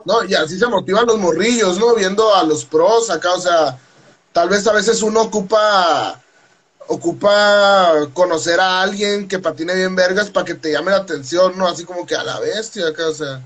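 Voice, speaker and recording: A man's voice: high-pitched, moderate pace, fairly bright tone. A man with a northern Mexican accent chatting casually as interviewer, slangy and often tagging questions onto his remarks. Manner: slangy, seeks agreement with tag questions. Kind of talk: casual chat.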